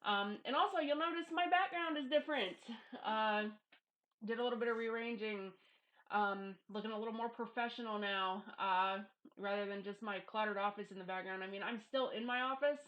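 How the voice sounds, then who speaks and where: Middle-aged woman, casual vlog monologue, medium pitch, blunt and self-deprecating, headphone mic, home office. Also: steady tone, fairly quick, fairly bright tone, poor audio. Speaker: YouTube vlogger. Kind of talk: casual confessional monologue to camera. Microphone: headphones used as microphone.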